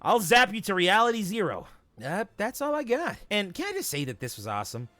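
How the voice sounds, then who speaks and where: A man's voice: high-pitched, big pitch swings, fairly quick, pushed and bright, no echo, faint music behind, full character voice. A man voicing a young, nervous superhero who rambles and wisecracks at his own expense in a comic reading. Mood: eager, flustered. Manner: rambling, self-deprecating.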